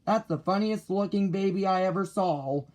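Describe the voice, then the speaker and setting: A man's voice: high-pitched, normal speed, darkish tone, close to an everyday voice. A man reading the lines of a fussy, worried mother bird in a storybook, in a doubtful, anxious manner.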